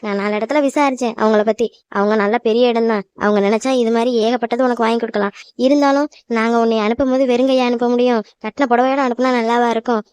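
High fast lady doing a weepy fussy cartoon mom, dry close sound. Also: steady tone, darkish tone, smooth, no echo, lightly acted. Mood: fussing. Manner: fussing, emotional, pleading. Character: worried loving mother of a bride, tearful. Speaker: mother. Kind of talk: cartoon voice acting.

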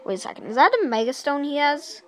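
A young woman with a somewhat high voice chats her way through a handheld game, excitable and quick to wander off on asides. She is filming in a small dim room, and faint game music plays behind her. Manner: chatty, excitable, rambling asides. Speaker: gameplay narrator. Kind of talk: casual let's-play commentary. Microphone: handheld camera filming a game screen.

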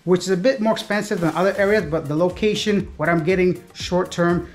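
A man's voice: high-pitched, a little fast. A man in his thirties talking casually to a handheld camera while touring an apartment. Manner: chatty, easygoing, talks straight to the camera. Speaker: vlogger. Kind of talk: casual travel vlog. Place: apartment indoors and city streets.

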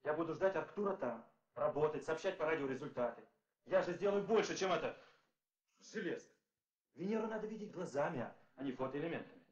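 An actor playing an earnest, impatient young cosmonaut in a 1960s film drama, speaking insistently. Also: male voice, medium pitch, quick pace, far from the mic, natural voice. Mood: urgent, pleading. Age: young adult. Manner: urgent, insistent. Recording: dull, echoey old film sound.

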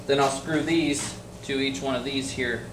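A middle-aged man with a mid-range voice speaks a little slowly as he casually explains a woodworking build in his garage workshop. The DIY vlogger is relaxed and explanatory, using frequent ums, and he's heard off-mic through a distant camera mic in an echoey garage with a noisy background.

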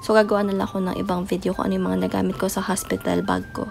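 A woman's voice: mid-range voice, flat delivery, very fast, creaky. A young woman chatting through a voice-over and mixing in English words as she shows baby items. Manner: chatty, mixes in English words, soft late-night voice. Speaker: mom vlogger. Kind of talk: casual voice-over show-and-tell. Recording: voice-over with faint music behind.

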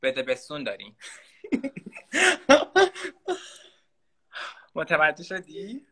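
A man's voice: on the high side, bright, forceful tone. A man in his twenties from Iran, a guest on a video call, talkative and playful. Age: 20s. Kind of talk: casual live-stream chat.

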